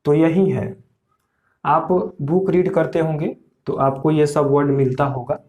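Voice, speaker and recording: A man's voice: on the high side, a little mellow. A man teaching a lesson, explaining step by step and asking the class quiz questions. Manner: slow, repetitive explaining with quiz questions to students.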